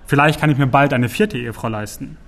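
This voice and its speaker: A jovial, vain middle-aged male envoy chats in a teasing, worldly manner, as a man reading an audiobook plays him. His voice is mid-pitched and lively. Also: quick pace, a little hiss or hum, lightly acted. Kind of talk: audiobook character voice.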